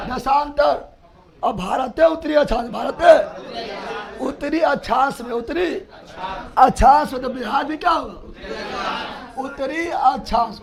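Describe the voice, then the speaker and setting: A male teacher runs a loud call-and-response drill in a classroom, his voice very high and gravelly. He talks slowly and repeats each point at a shout. A class chants faintly behind him. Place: classroom with students.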